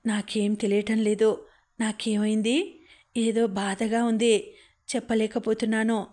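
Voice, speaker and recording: A woman reading the lines of a gravely ill young woman in a weak, gentle, halting way. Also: fairly high pitch, level tone, close to an everyday voice. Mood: tender, weak.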